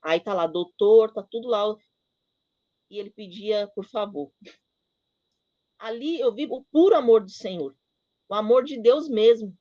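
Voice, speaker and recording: A middle-aged woman tells a personal story of faith at church, her speech full of emotion and broken up by fillers and restarts. Her voice sits at an ordinary pitch for a woman. The sound is dry and somewhat dull. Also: unhurried, long pauses, warm tone, dry recording. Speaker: church speaker giving testimony. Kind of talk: personal testimony in a church talk.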